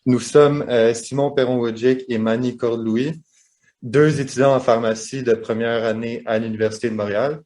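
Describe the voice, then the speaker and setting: Mellow young host. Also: male voice, mid-range voice, moderate pace. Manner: relaxed, with fillers. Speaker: student podcast host. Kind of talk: podcast interview hosting.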